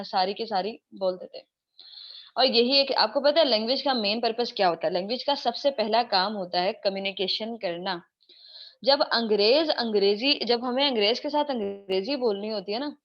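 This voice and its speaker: A woman's voice: on the high side, lo-fi sound. A woman from Pakistan with a Pakistani accent, teaching English in an informal online class and often putting questions to her students. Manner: chatty, asks the class questions.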